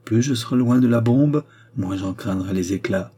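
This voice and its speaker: A man reading an audiobook voices a shrewd, scheming countess who speaks in a sharp, peremptory, blunt way. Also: on the low side, moderate pace, husky. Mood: commanding.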